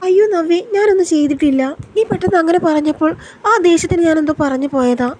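Sly young guy, sneery and then begging, high voice, as a woman puts him on. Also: quick pace, a little mellow, close to an everyday voice. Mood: pleading. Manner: mocking, then defensive denials. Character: scheming young man, sneering then pleading.

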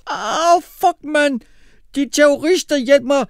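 Shrill, yelling boy, put on by a male reader. Dry booth. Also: fairly even intonation, dry recording, lightly acted. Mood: panicked. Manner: shrieking, then sulky. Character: panicked shrieking schoolboy.

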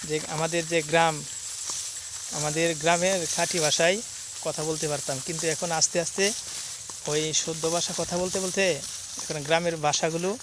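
A vlogger from Mymensingh, Bangladesh, talks casually to his phone camera as he walks outdoors past fields and a dry canal. His voice sits on the high side, and there's background noise. With a Mymensingh Bengali accent, he repeats himself and blends dialect with standard speech.

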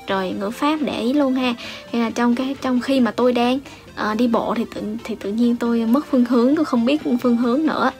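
A Vietnamese woman with a slightly high voice explains Japanese exam answers in a patient, teacherly way. She often pauses on fillers and ends her points with a soft question tag. Faint background music plays beneath her voice. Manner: patient, explanatory, many fillers and rising "ha" tags.

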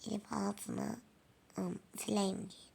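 A woman voicing a frail, husky princess. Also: mid-range voice, sing-song, slow, exaggerated voice. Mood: weak. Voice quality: hushed, husky voice. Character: sick, weak young woman princess, gentle. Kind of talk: game role-play.

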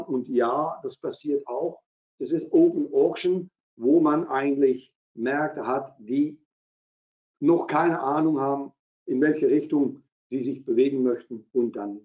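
A middle-aged Belgian man with a Dutch-speaking accent presenting a trading strategy in a live webinar, hesitant, with many fillers as he searches for German words. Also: on the high side. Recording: dull lo-fi webinar audio.

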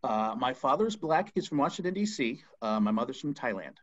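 A man's voice: medium pitch, big pitch swings, a little fast, no room sound. A man in his forties, a spoken word artist, talking as a guest in a casual video-call interview from home, hesitant with many ums and restarts. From United States. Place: home room, seated on a couch. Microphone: video call webcam. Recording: dull lo-fi call audio.

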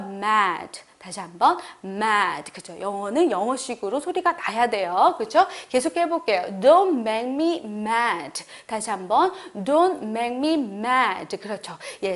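A woman teaching English phrases in a lesson, speaking Korean and voicing English model sentences slowly for repetition, often checking in with the learner. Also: fairly high pitch. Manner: frequent "그쵸?" check-ins with the learner.

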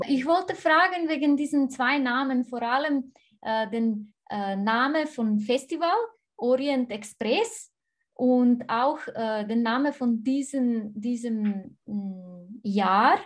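A woman's voice: a little high, slow pace. A woman in her forties interviewing a guest over a video call, hesitating often with fillers. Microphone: webcam on a video call.

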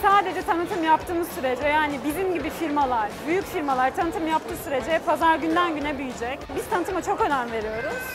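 A woman's voice: high voice, a little fast, few pauses, music in the background, crowd noise. A woman company representative speaking enthusiastically at a trade fair.

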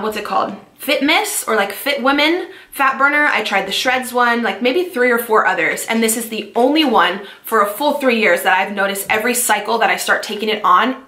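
A woman in her twenties from California, chatting quickly and eagerly about fitness products she uses. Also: on the high side, pushed and bright, echoey room. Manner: fast, chatty, enthusiastic. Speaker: fitness vlogger. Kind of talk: casual product-review vlog.

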